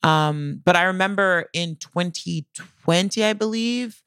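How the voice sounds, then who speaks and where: A podcast co-host with a fairly low, smooth voice tells personal stories at a slightly slow pace, giggling and acting out quotes with animation. Her chat is casual and slangy, full of "like" and swearing, and the audio has no echo.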